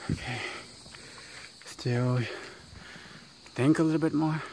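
A travel vlogger makes short, casual remarks slowly and in a steady, middling-pitched voice on a mountain temple stairway and summit. The handheld phone or camera picks up clear outdoor ambience, including insects.

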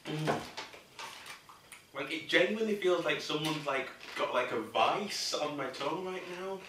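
A man joining a casual tasting review, reacting loudly and animatedly. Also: a little high, a little slow. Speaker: co-host, guest taster. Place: indoor room. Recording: echoey room, distant mic, faint noise.

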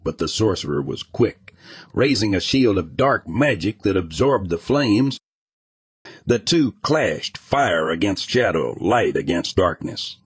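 A man narrating a fantasy audiobook in an even, measured reading style. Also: sits low, breathy edge, no echo.

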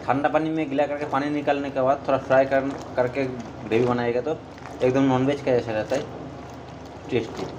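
A man's voice: medium pitch, fairly even intonation, a little fast, background noise. A man casually narrating his cooking step by step in a home kitchen, talking to his viewers as friends. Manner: chatty, step-by-step, keeps saying "friends". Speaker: cooking vlogger.

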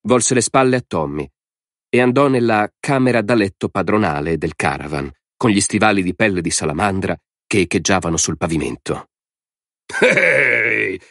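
A man reading an audiobook in a steady, measured narration. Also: deep voice, no echo, clean studio sound.

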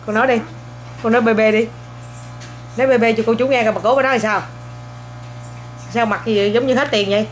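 A young woman, a mother filming a casual home vlog, coaxing, teasing and gently scolding her child while talking to viewers. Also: fairly high pitch, steady tone, fast, long pauses, slight background noise.

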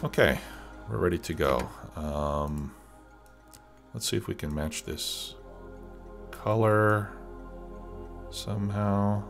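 Keyboard clicks and background music accompany a man with a low, gravelly voice who speaks slowly and pauses often. Stuffed up with a cold, he hosts a let's play, casually commenting and thinking aloud with many fillers.

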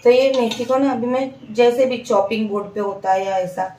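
Woman, cooking vlog, slightly high voice, echoing kitchen. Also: normal speed, dark tone. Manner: chatty, explains each step to viewers. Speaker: home cook vlogger. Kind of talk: casual cooking vlog narration. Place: home kitchen. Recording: echoey kitchen, mic far off.

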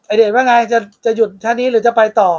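A man's voice: extremely high pitch, fairly even intonation, quick pace. A man who owns a card shop and hosts a channel, chatting casually in a blunt, crude and teasing way inside his card shop. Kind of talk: casual chat.

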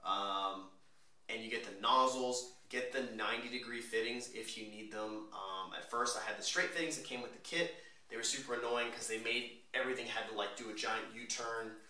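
A man casually walking through his own car modification project, relaxed and rambling with lots of fillers. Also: mid-range voice, moderate pace. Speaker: DIY car modder. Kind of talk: casual DIY walkthrough. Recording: echoey room, mic at a distance.

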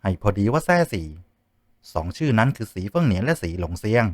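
A man voicing a calm, composed male official with a deep, measured voice. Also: no room sound, clean studio sound. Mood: solemn.

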